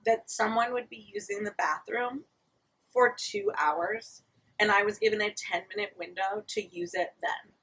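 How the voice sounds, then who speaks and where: Woman, casual comic storyteller, wry and candid, bright edge with some rasp, recorded at a distance. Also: mid-range voice, steady tone, normal speed, few pauses. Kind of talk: casual comedic chat.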